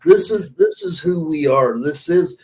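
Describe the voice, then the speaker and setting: A podcast host with a fairly high voice, huge swings in pitch, and a measured pace talks casually and from the heart. He swears freely and chats with listeners as if they were friends, mixing monologue and conversation.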